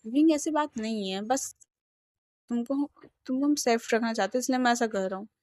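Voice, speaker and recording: A woman reading as a reserved, protective young man of few words. His lines come quiet and steady, with a close, dry sound. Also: a little high, moderate pace, no room sound, lightly acted. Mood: calm.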